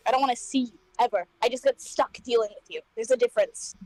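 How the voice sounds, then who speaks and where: Woman playing a blunt defiant cleric, sharp-tongued, slightly high voice, tabletop game. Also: fairly even intonation, quick pace, natural voice, low-quality recording.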